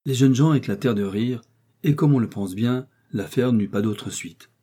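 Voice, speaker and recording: A man with a husky voice reading a classic novel aloud in a measured, even way. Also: mid-range voice. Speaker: audiobook reader. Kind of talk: literary narration.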